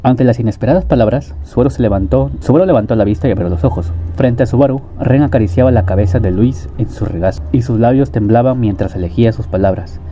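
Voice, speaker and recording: A man narrating a novel's story in a plain, steady reading voice. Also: medium pitch, fast, few pauses, a little hiss or hum. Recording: dull lo-fi audio.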